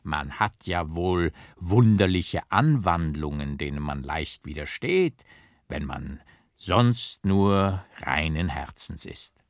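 A man voicing a brisk, cryptic male court physician who talks in a calm, knowing, chatty way. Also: deep voice, no room sound, clean studio sound, exaggerated voice. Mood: soothing.

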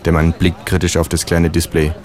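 A man reading out his own comic story in a deadpan, matter-of-fact way. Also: low voice, brisk.

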